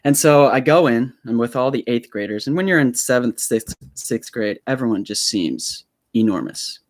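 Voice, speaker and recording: A young man talks into a small desk mic in a room at home, hosting his own live stream. He tells a story in a nervous, rambling way, with lots of fillers and restarts. His voice sits at a middling pitch but swings widely up and down. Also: expressive, normal speed, dry recording. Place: home room set up as a studio. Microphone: small desk microphone.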